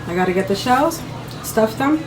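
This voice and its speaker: A home cook vlogger chats casually and directly to her viewers while filming herself cooking. Her voice is fairly high and expressive at a moderate pace, and the home video recording is clearly noisy.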